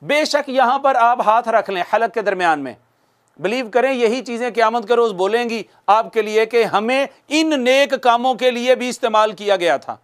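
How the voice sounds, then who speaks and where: A man teaching a recitation class, patiently repeating sounds and asking questions that he answers himself. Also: very high voice. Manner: patient, repeats sounds slowly for students to copy. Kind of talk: recitation lesson.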